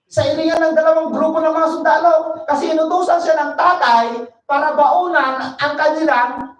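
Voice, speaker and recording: A woman with a high voice preaches a Bible study to her congregation. She reads each verse slowly, then explains it in easy, conversational talk. Her voice echoes around a hall and sounds set back from the mic. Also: fairly even intonation. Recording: echoey room, voice from a distance.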